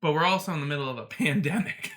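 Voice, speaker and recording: A man co-hosting a podcast, joking around in loud, playful banter. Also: a little high, racing. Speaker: podcast co-host.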